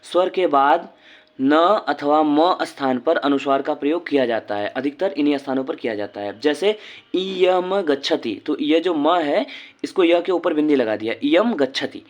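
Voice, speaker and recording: A man teaching a lesson, explaining slowly and deliberately, drawing out each sound he pronounces. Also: fairly high pitch, muffled recording.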